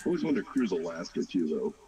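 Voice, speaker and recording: A man's voice: deep voice, big pitch swings, fast talker, crowd noise. A man chatting casually as a podcast co-host. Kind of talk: casual chat. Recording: distant mic, faint background noise.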